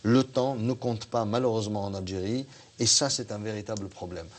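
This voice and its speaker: A man, a business leader interviewed on TV, who speaks deliberately and emphatically and pauses to choose his words. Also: lowish voice. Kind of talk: TV studio interview.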